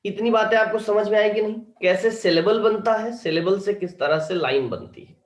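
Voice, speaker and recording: A man's voice: high voice, normal speed, roomy sound. A male teacher, giving an online lecture and often checking whether students have understood. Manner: keeps asking students if they understood.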